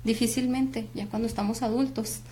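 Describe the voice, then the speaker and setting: A woman's voice: fairly high pitch, steady tone, moderate pace, mellow, a little hiss or hum. A woman psychologist with a Mexican Spanish accent, explaining earnestly as an interview guest with many fillers. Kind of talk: explanatory talk show interview.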